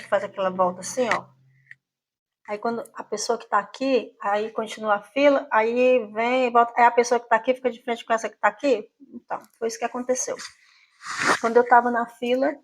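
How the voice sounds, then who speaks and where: A woman in her fifties from Brazil hosts her own channel and tells a personal story. She speaks in a reflective, conversational monologue at a medium pitch and often checks in with a "né?". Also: husky. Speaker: channel host.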